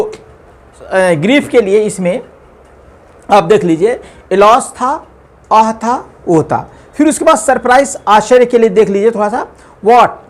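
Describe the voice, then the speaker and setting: Patient man teaching grammar. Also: high voice. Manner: patient, repetitive explaining with frequent fillers. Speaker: English teacher. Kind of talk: classroom grammar lesson.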